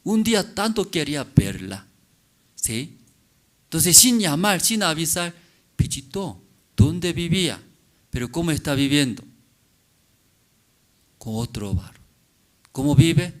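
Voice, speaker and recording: A man preaching a sermon in a church, telling a story and asking the congregation rhetorical questions, with halting non-native phrasing. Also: fairly high pitch, big pitch swings. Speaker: pastor.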